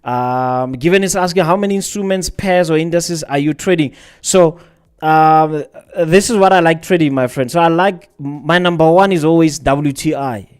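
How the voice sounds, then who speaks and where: A man's voice: fairly high pitch, normal speed, clean tone. A man hosting a trading livestream, talking casually and rambling, often repeating his words while answering viewers' questions. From South Africa.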